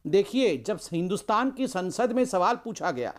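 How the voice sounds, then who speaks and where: A man's voice: high voice, big pitch swings, moderate pace. Rhetorical male debate panelist. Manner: rhetorical, repetitive, pleading for his turn. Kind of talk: TV debate argument.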